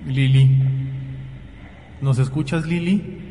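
A male co-host gently reassuring a caller and repeatedly calling her name. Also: mid-range voice, steady tone, slow pace, big-room sound, a little hiss or hum.

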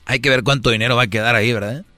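A man's voice: medium pitch, steady tone, rapid-fire, pushed and bright, no room sound, faint music behind. A man giving mocking, preachy advice as a comedic radio host.

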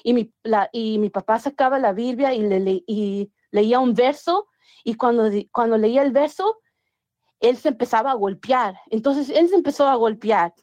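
Woman, higher pitch, dry recording, chatty storytelling, many restarts. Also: normal speed, a little mellow, dry recording. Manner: mixes English words into Spanish, many restarts. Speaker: guest. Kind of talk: casual storytelling interview.

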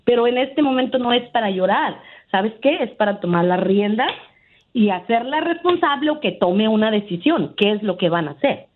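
A woman's voice: fairly high pitch, expressive, normal speed, a little hiss or hum. A woman calling into a radio show, telling a family story earnestly and often checking in with "right?". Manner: earnest, keeps asking "¿verdad?". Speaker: caller. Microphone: telephone. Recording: tinny phone line.

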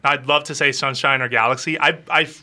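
A man with a notably bright, forceful voice talks casually on a podcast. He reasons out loud, restarting phrases as he goes, and laughs easily with his co-hosts. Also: medium pitch, steady tone, quick pace. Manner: laughs often, thinks aloud with restarts. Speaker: podcast co-host.

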